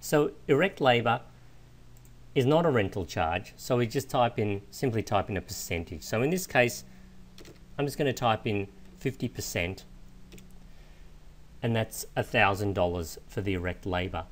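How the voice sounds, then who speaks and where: A man with a low voice narrates a step-by-step screencast tutorial as a software instructor. He explains things informally and walks through each step at a moderate pace.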